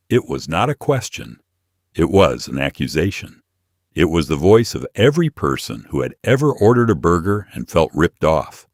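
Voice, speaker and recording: Deep-voiced man narrating a script. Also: no room sound, studio quality. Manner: measured, declarative short sentences. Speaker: documentary narrator.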